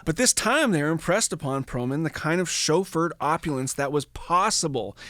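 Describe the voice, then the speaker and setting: A man's voice: on the high side, dry recording, clean studio sound. A man hosting a podcast, telling a story in a casual, profane, rambling, jokey way. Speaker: podcast host.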